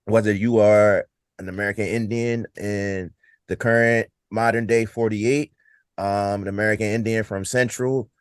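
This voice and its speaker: A man answering as a podcast guest, explaining things in a measured, informative way. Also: fairly low pitch, fairly even intonation, clean tone, no room sound.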